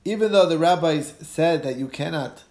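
A rabbi gives an informal lesson in an echoey room. His voice is fairly high for a man and quite creaky. He reads from a text, then explains it conversationally, asking questions and answering them. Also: normal speed, darkish tone. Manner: conversational, asks and answers own questions, checks in with listeners. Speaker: rabbi teaching a Talmud class.

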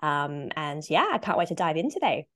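A woman speaking as a dietitian guest in a conversational interview, telling her story in an animated way. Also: low-pitched, brisk.

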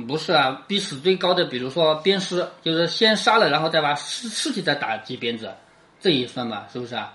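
Here a teacher discusses a chapter from a classic novel as if chatting, at a fairly quick clip with lively intonation and medium pitch. There are frequent "right?" checks, and sentence endings drop to a quiet tag.

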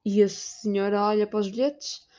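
A young woman with a European Portuguese accent, chatting casually about a trip and imitating people along the way. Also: fairly quick. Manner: chatty, animated, imitates shouting staff in high voice. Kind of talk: casual storytelling vlog.

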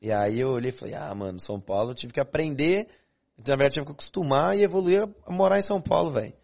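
A young man from Goiânia with a Goiás accent, telling stories in a slangy, animated casual chat. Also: mid-range voice, fast, creaky. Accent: Goiás Brazilian Portuguese. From Goiânia, Brazil.

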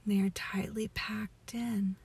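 A woman leading a guided relaxation meditation as a story, in a soothing, hushed, breathy voice that often nears a whisper. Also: medium pitch, little pitch movement. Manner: slow, soothing, hushed delivery.

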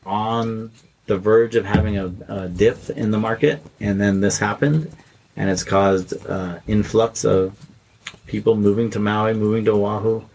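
A man's voice: lowish voice, fairly even intonation, unhurried, gravelly, darkish tone, a little hiss or hum, low-quality recording. A man with a Utah accent chatting casually as an interview guest on real estate, with loosely enunciated words. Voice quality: under-enunciated diction.

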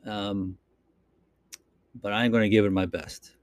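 Rambling low-voiced Boston man. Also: level tone, takes it slowly, dry recording. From Boston, Massachusetts. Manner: rambling, hesitant, many fillers and restarts. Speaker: podcast host. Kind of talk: unscripted solo podcast monologue. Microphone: talking into a computer microphone.

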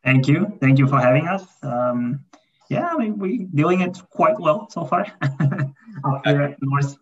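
A man's voice: fairly high pitch, unhurried, music in the background. A man in his thirties from Kazakhstan, a guest talking casually in an interview and often saying "yeah" and "for sure.". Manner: relaxed, repeats "for sure" and "yeah". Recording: muffled lo-fi call audio.

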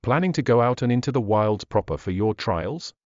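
A man voicing an elderly grandmother who keeps a tribe's records, brisk and chiding in a dry manner. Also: medium pitch, animated, dry recording, dull audio, lightly acted. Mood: knowing.

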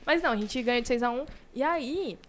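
A young woman with a Brazilian accent talks at a brisk clip, her voice sitting a little high. She is a guest on a casual podcast, telling stories and putting voice to the things she said. She keeps the pace quick and animated. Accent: Brazilian Portuguese. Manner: lively storyteller who acts out her own quoted lines. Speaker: podcast guest, law student.

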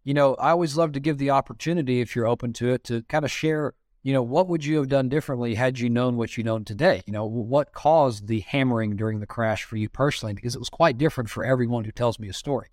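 A man's voice: mid-range voice, fast, hardly any pauses, a little mellow, no echo, studio quality. A man with a Southern US accent hosting a podcast interview in a loose, chatty way, full of "you know" fillers. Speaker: podcast host. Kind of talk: casual interview chat.

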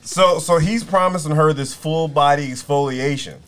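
A man's voice: fairly high pitch, normal speed, fairly bright tone. A man co-hosting a podcast, telling a story in casual, profane chat. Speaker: podcast co-host.

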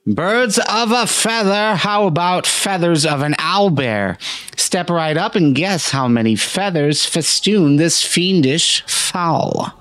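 A man voicing a bugbear carnival barker in a tabletop game, with a gentle, confiding manner and music behind. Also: a little high, expressive, slow, no echo, pitched above the performer's own voice, exaggerated voice, low-quality recording. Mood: showy.

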